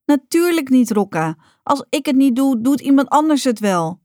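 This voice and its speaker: A woman voicing a stern mother in a storybook reading, speaking firmly and with a sharp tone. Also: sits high, animated, moderate pace, no echo, clean studio sound, voice pushed up. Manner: firm, sharp-toned.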